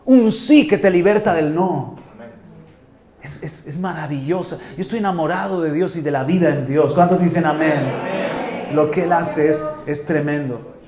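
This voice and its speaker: A man from Murcia in Spain, a pastor preaching an animated sermon that builds to loud exclamations. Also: a little high, moderate pace, a crowd in the background. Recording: echoey church hall.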